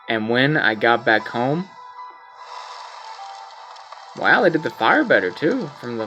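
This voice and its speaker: A man with an ordinary mid-pitched voice reads a story game aloud, stumbling and repeating words as he goes. He breaks off to chat casually about the game, with soft game music playing underneath. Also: muffled recording. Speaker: gameplay streamer. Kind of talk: reading game text aloud with commentary.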